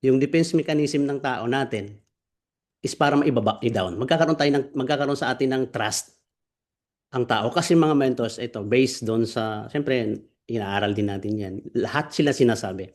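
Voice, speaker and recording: Brief: man, mid-range voice, energetic online business mentor streaming live to his students. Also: medium pitch, normal speed. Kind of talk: live online training session.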